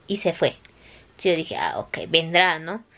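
A young Peruvian woman tells a personal story in a chatty, animated way. Her accent is Peruvian Spanish, and she acts out the voices of the people she quotes. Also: low voice, measured pace. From Peru. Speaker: vlogger. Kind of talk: casual storytelling.

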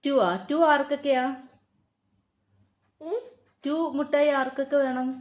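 A mother gently and patiently coaxing her small son with repeated questions in a casual home video. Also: high-pitched, level tone, a little slow. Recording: echoey room.

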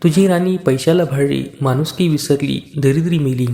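A man voicing a poor, proud old beggar woman in a devotional story, speaking slowly and indignantly. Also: fairly high pitch, gravelly, warm tone.

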